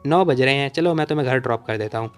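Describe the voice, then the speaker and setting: A man reading the lines of a lovesick, sulky rich young man, pleading and low. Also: quick pace, clear, resonant tone, faint music behind, close to an everyday voice.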